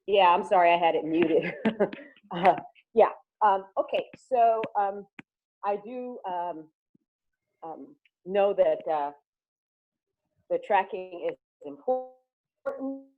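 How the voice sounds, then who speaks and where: A woman talks on a group video call, her voice coming through a narrow, phone-like line. The connection keeps breaking up, chopping her words. She speaks haltingly, with many fillers. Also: mid-range voice. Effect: audio breaking up over a bad call connection. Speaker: participant on a group coaching call. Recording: tinny phone-like call audio.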